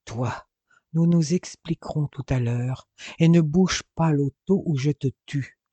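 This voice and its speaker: A man voicing a hulking, furious giant of a man who growls low threats in a story reading. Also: unhurried, mellow, no room sound, dull audio. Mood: menacing growl.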